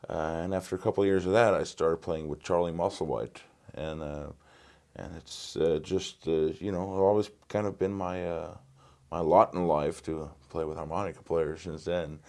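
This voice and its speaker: Guy in his 30s, really low voice, lots of uh and um, chatting in a little studio. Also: darkish tone. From Norway. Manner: halting, many fillers and restarts. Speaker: guitarist and recording engineer guest. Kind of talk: casual interview. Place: home music studio, indoors.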